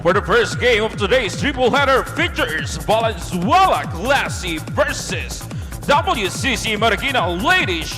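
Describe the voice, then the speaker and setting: A very high-pitched man works as a hyped arena announcer, in the style of a fighting game. His delivery is animated and projected, drawing out formal introductions. It rings through a hall with long reverb. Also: measured pace, music in the background. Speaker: venue announcer. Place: large indoor sports venue over the PA.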